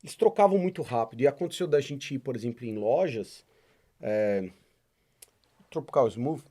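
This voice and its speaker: A man's voice: mid-range voice, normal speed. A man, a podcast guest, telling stories in a casual interview and acting out the quoted dialogue. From Brazil. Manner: animated storyteller, acts out quoted dialogue.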